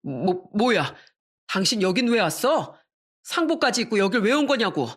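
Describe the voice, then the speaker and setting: A woman's voice: mid-range voice, big pitch swings, moderate pace, slightly rough. A woman voicing a middle-aged cheating husband who is cold and scornful. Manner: scornful, curt.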